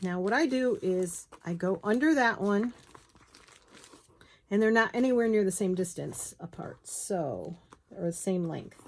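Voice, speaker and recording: A woman demonstrating bookbinding chats casually through a hands-on tutorial, talking to herself as she works and adding apologetic asides. Her medium-pitched voice is expressive, unhurried and a little mellow, recorded on a phone camera close by.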